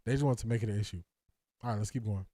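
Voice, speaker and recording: Reading viewer comments aloud, this sports talk host answers in a rapid-fire, mellow voice that sits on the low side. The recording has no room sound. He hesitates a lot, keeps restarting, fills gaps with fillers and laughs along the way.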